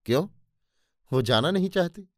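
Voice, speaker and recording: A man's voice: a little high, animated, moderate pace, no echo, studio quality, pitched above the performer's own voice, natural voice. A man voicing a grown king, pleading and impassioned, in a storybook reading. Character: anguished king, male, grown, lovesick.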